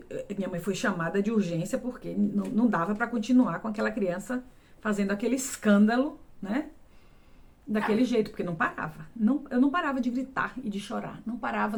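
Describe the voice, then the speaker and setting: An adult Brazilian woman giving a personal testimony, halting and emotional, often repeating words. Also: fairly high pitch. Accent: Brazilian Portuguese. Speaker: vlogger.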